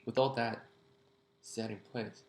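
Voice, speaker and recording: A man's voice: fairly low pitch, little pitch movement, a little slow, roomy sound. A man sharing casual opinions in a conversational way, often checking in with the listener. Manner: conversational, tags lines with "right?".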